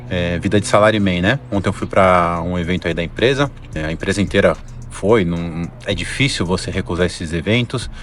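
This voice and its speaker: A Brazilian man hosts a casual vlog in a fairly low voice. He sounds hungover and worn-out as he explains things informally. There is clear noise behind his voice. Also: fairly quick, few pauses. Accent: Brazilian Portuguese. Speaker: video channel host.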